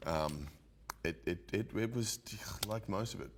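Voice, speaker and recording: A male actor in an interview, talking in a relaxed way and chuckling. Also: sits low, measured pace, slight background noise. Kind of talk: casual interview chat.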